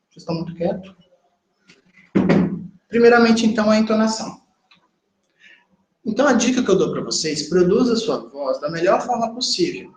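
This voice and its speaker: A Brazilian Portuguese-speaking man teaching a class on sign language interpreting in a conversational lecture style, talking straight to his students and checking in with them. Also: high voice. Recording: echoey classroom with faint ambience.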